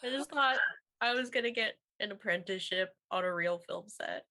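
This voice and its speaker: A woman playing a naive character in a tabletop game, with a deadpan delivery. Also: medium pitch, normal speed. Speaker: player. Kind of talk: in-character tabletop role-play.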